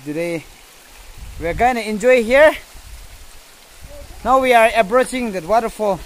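Poor audio captures a high-voiced young Indian man filming himself at arm's length on a forest hike to a waterfall. Worn out and thirsty, he chats casually, mixing excited outbursts with halting, basic phrases.

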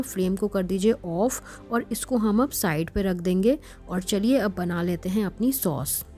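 A woman with a mellow, warm voice walks through a home recipe step by step, calm and explanatory as she talks to her viewers. Soft music plays faintly behind her. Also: mid-range voice. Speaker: cooking channel host. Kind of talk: step-by-step cooking instruction. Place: home kitchen.

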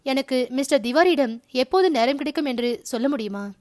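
A man's voice: very high voice, animated, fairly quick. A woman doing a polite young male journalist. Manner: courteous, eager.

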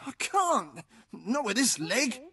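High-pitched, pained, moaning injured man. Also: very animated, slow pace, vocal fry, pushed and bright, heavily acted. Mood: pained, irritable. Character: suffering, irritable injured man unable to sleep. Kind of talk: video game voice acting.

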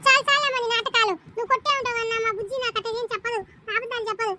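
A woman voicing a young tenant mother in a cartoon, brisk, doting with her child and sharp with others. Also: extremely high pitch, steady tone, heavy background noise, pitched above the performer's own voice. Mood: scolding. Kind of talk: cartoon voice acting.

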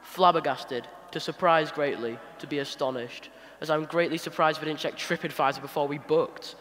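A man acting a weary husband in a school nativity sketch, who answers with dry, deadpan agreement. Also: fairly high pitch, moderate pace, natural voice. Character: weary, dry husband humouring his wife. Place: large minster church. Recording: long church reverb.

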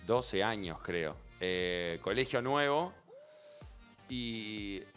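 A man, a guest on a talk show, calmly telling stories from his youth. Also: fairly low pitch, extremely slow, soft background music. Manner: calm, reflective anecdotes. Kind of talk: casual storytelling.

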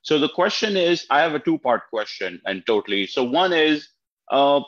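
A man's voice: on the high side, big pitch swings, normal speed, fairly bright tone, muffled recording. A man in his thirties from Pakistan asks a two-part question on a webinar, politely and with plenty of fillers. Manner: polite, rambling, many fillers. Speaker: audience member asking a question.

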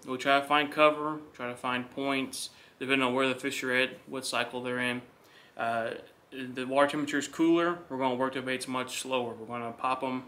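A young man co-hosting a fishing channel, explaining technique in a quick, relaxed way with filler words. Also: medium pitch. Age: young adult. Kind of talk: casual gear talk to camera. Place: indoor living room.

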